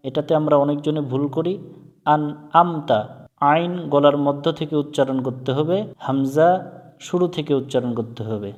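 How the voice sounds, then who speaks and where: A man teaching Quran recitation, spelling out syllables slowly and then chanting the joined words, with a Bangladeshi accent. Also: a little high, steady tone, darkish tone, long reverb tail, muffled recording. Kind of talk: slow letter-by-letter recitation lesson.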